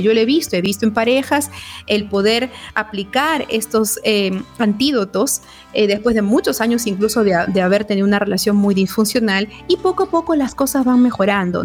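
A woman psychologist explaining relationship advice, often checking in with her listeners with short questions. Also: fairly high pitch.

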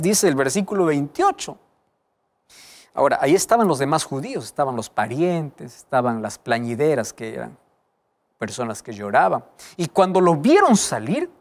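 A man preaching a sermon, swinging between loud exclamations and hushed, whispered lines. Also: a little high.

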